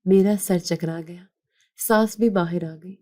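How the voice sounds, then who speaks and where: A woman's voice: lowish voice, fairly even intonation, dark tone. A woman narrating a first-person family story in an earnest, emotional way.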